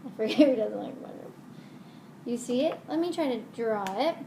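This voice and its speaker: A woman's voice: on the high side, expressive, moderate pace, gravelly. A woman teaching young children math in the simple, sing-song manner of a kids show host. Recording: roomy echo with faint noise.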